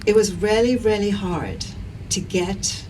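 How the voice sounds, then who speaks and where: A middle-aged South African woman with a mid-range voice speaks a little slowly, energetic and earnest, often repeating herself as she thinks. She's the guest in a conversational interview, a padel league founder, recorded on a distant mic with clear background noise.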